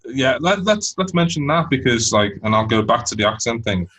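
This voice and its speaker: A man's voice: mid-range voice, animated, moderate pace, fairly bright tone, husky, rough recording. A man, co-hosting a podcast and asking loose, chatty questions. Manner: chatty, loose, full of fillers. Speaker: podcast co-host. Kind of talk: casual interview questions.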